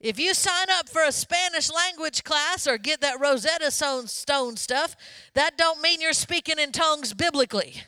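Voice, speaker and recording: A woman pastor preaches with a high, bright voice, talking to her congregation in an easy, conversational way and often asking them questions. The sound is close and dry, with no room echo. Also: normal speed. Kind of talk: sermon.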